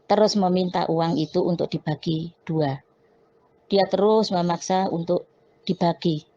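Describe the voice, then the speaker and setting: A woman's voice: lowish voice, warm tone. A woman, telling a personal testimony with quoted dialogue and frequent restarts. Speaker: testimony speaker. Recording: dull lo-fi recording.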